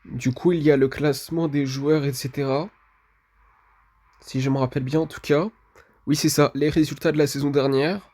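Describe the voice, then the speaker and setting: A man's voice: a little high, steady tone, normal speed, a little mellow. A man, casually commenting on a mobile game while opening rewards, hesitant and full of fillers. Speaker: gaming video creator.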